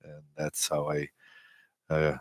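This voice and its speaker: A native Romanian speaker in his forties, an amateur radio operator with a Romanian accent, tells personal stories as an interview guest. His very deep voice is delivered completely flat, halting and hesitant with many pauses, in a dry, studio-quality recording.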